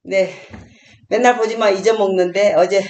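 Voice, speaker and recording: An older woman, a grandmother, casually leads home exercises, counting aloud and chatting with a small child. Her voice is medium-pitched, steady, and a little mellow at a normal speed, heard in an echoey room with faint noise.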